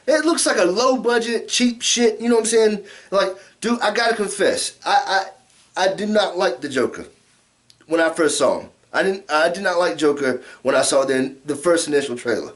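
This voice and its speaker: A middle-aged American man delivers a drunken, casual rant in a notably high voice. He rambles, circles back over the same phrases and curses freely, like an amateur reviewer talking straight to his viewers. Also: expressive, normal speed, a bit bright. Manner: heavily profane. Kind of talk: casual ranting vlog.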